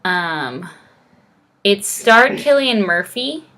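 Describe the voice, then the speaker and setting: A woman's voice: mid-range voice, lively intonation, very slow, sharp tone. A young woman, chatting casually as a vlogger in a gushing, emphatic way. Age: young adult. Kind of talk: casual chat to camera with a co-host.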